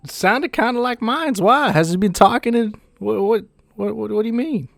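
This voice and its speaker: In a tabletop role-play, a man with a high, creaky voice plays a simple, folksy grown brother who drawls in a rural dialect and lets out fretting exclamations. He speaks at a normal pace, and there is no room sound.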